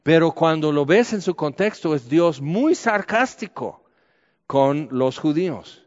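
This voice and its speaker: A man with a Mexican accent preaching a conversational sermon, candid and colloquial with lively asides. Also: a little high, a little slow. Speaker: pastor. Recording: echoey hall, dull lo-fi sound.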